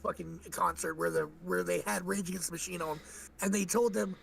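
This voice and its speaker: Creaky-voiced young man ranting profanely. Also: high voice, huge pitch swings, a little fast, fairly bright tone. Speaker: podcast co-host. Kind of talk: casual chat.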